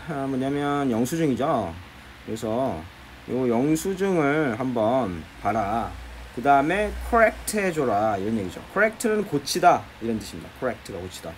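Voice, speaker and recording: A man's voice: medium pitch, a little hiss or hum. A man teaching English phrases in Korean, explaining patiently and repeating key phrases for his students.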